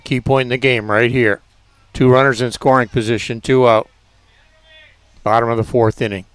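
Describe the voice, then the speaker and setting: A man giving brief color commentary on a softball game. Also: mid-range voice, fairly even intonation, normal speed, smooth, dry recording. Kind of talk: live sports commentary.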